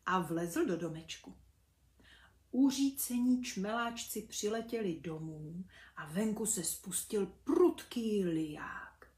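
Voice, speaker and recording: A woman's voice: mid-range voice, animated, a little mellow. A woman reading a children's storybook aloud, with chatty asides to the children listening. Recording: echoey room.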